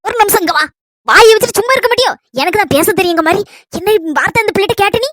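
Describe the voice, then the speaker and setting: A woman acting a village woman in a comedy skit, with a Kanyakumari Tamil accent, who pleads and scolds with animated energy. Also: very high-pitched, racing. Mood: scolding. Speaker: skit actress.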